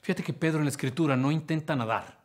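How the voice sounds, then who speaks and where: A male pastor preaching a sermon. He speaks straight to the listener with questions and swings from loud, lively lines to hushed ones. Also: on the high side, fast talker. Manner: dramatic, acts out quotes in swings from loud to hushed; addresses listener directly with questions.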